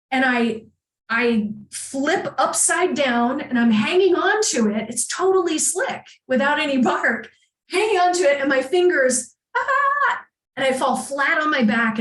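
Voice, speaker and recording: Animated woman telling stories in echoey room. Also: sits high. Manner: animated, chatty, frequent laughs. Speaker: guest, coach. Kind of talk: casual conversation, personal storytelling.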